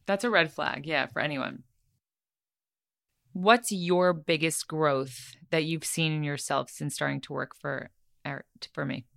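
A woman hosting a podcast, asking her guest questions in a slow, relaxed way with many fillers. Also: deep voice, gravelly, dry recording, studio quality. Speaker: podcast host. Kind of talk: casual podcast chat.

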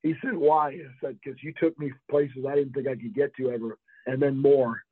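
A man's voice: mid-range voice, fairly even intonation, a little fast, breathy edge, no room sound. An older man from Florida, a former college football player, telling rambling anecdotes in an interview and laughing often. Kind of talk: interview storytelling. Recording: tinny phone-line sound, dry.

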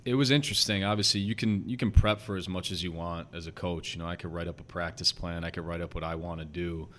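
A young adult basketball head coach with a slight Chicago accent guests on a casual podcast interview. His very deep, quite flat voice comes out fast and earnest, packed with "you know" and "um", over a faint low rumble.

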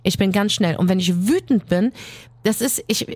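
A woman's voice: medium pitch, darkish tone, no room sound. A woman co-hosting a podcast, telling stories in an emphatic, fiery way in casual chat. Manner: fiery storytelling, quick, emphatic. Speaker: podcast co-host.

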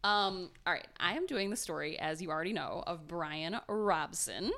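Young woman w a low bright voice, rambly giggly storytelling on a chill podcast. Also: expressive, moderate pace. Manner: giggly, rambling, chatty asides. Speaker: podcast co-host telling the story. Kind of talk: casual chat, storytelling.

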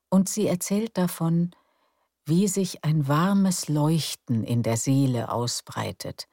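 Very low, slow-speaking woman reading bedtime stories. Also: no echo, clean studio sound. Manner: calm, gentle, unhurried delivery. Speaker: podcast host and narrator of sleep stories. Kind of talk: soothing bedtime story narration.

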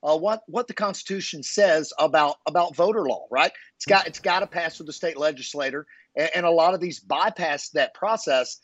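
A man's voice: fairly high pitch, moderate pace, a bit bright, no room sound, dull audio. A man speaking as a pastor and guest in a political talk interview.

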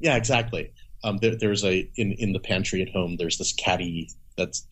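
A man's voice: low voice, moderate pace, fairly bright tone. A man chatting casually as a podcast guest, rambling with many restarts and playful acted-out asides. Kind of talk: casual conversation.

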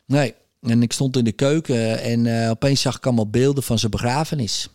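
A man in his forties tells candidly of his past addiction, halting and full of fillers. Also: medium pitch, fairly even intonation, a little mellow, no echo, studio quality. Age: 40s. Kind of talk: personal story about recovering from addiction.

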